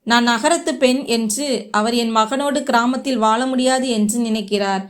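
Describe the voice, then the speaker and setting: A middle-aged widow pleads tearfully in a spoken story, as a woman narrator reads her part. The voice is high and close to the narrator's own. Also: natural voice. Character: middle-aged widowed mother-in-law, sorrowful.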